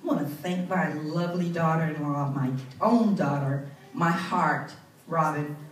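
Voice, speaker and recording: Older female church minister, earnest testimony with fervent peaks, slow and low-pitched, heard from far off in a roomy sanctuary. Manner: earnest, building to fervent bursts. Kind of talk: testimony speech. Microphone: handheld mic, far camera.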